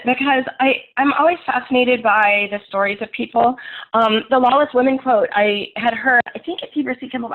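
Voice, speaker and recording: Woman guest, hoarse froggy voice, candid and hesitant with fillers, slightly high pitch, phone-line sound. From American South. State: hoarse from a cold. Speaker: guest poet. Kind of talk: casual interview chat.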